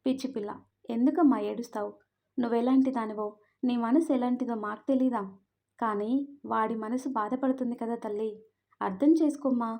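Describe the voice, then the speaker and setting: A woman voicing a caring middle-aged mother-in-law who scolds gently and with affection. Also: on the high side, steady tone, normal speed, pauses often, dull audio, natural voice. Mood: consoling.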